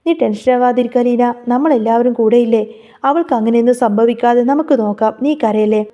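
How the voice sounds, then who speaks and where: A woman's voice: a little high, steady tone, fairly quick, warm tone, lightly acted. Woman reading as a worried protective young man.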